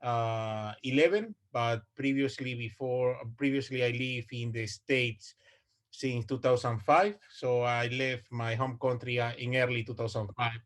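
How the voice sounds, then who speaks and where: Unhurried and fairly even in intonation, a medium-pitched male voice gives an online research presentation through a video call. The speaker is in his 40s, comes from Ecuador and speaks Spanish as his first language. He is hesitant, with frequent uhs, fillers and restarts.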